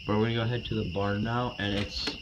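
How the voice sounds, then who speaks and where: Nervous young man vlogging over clear noise. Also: on the low side, little pitch movement, fast. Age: young adult. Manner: nervous, repetitive, slangy. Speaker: vlog host. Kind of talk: casual exploring vlog narration. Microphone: handheld phone. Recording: very noisy handheld phone recording.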